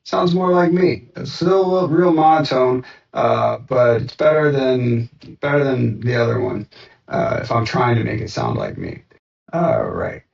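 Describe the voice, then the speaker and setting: Guy doing a casual screen demo, gravelly voice, kinda far from the mic, dull roomy sound. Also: medium pitch, a little slow. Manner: relaxed, thinks aloud with frequent "uh" and restarts. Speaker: software developer demoing his app. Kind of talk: casual screen-share walkthrough.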